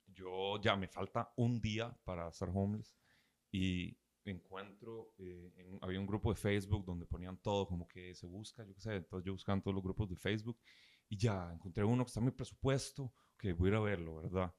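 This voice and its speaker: Low-voiced Costa Rican man telling a story. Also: normal speed. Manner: rambling, animated, swears often, says "¿verdad?" often. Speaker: podcast host. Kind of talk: casual storytelling.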